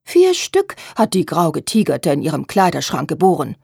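A woman voicing a blunt, sharp-tongued old grandmother in a storybook reading. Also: low-pitched, huge pitch swings, moderate pace, gravelly, slightly rough, dry recording, studio quality, full character voice. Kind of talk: audiobook reading.

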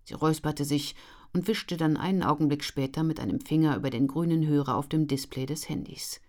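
A woman narrates a novel in a steady, measured way. Her voice sits low and stays calm throughout the narration. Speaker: audiobook narrator. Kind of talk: scripted narration.

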